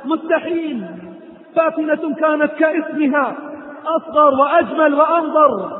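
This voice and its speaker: A man preaching a story who voices a kind young woman doctor, astonished and gentle. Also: very high-pitched, moderate pace, in a large hall, phone-quality sound, a little hiss or hum.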